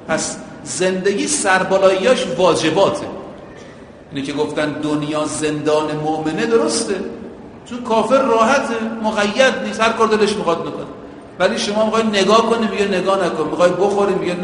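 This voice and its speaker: A man's voice: high-pitched, a bit bright, a little hiss or hum. A male preacher giving a sermon, using everyday driving comparisons and chanting quotations in Arabic. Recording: echoey hall with a long reverb.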